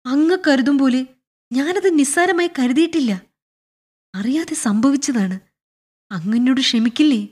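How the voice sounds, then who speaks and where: A woman's voice: mid-range voice, sing-song, measured pace, pauses often, a little mellow, slightly rough, voice pushed up, heavily acted. A woman voicing a timid, anxious male government clerk who keeps apologizing in a pleading, fretful voice.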